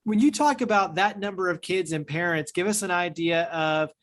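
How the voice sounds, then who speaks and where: A man's voice: high voice, normal speed, a bit bright. A male radio show host leading an interview with upbeat, guiding questions.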